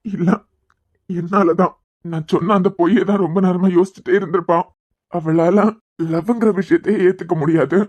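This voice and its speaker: A woman's voice: on the low side, fairly even intonation, moderate pace, a little mellow, no echo, close to an everyday voice. A woman voicing a worried young man in a cartoon series, pleading and tender, with a Kanyakumari Tamil accent. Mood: remorseful. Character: anxious young man tending a fainted girl. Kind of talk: cartoon web series voice acting.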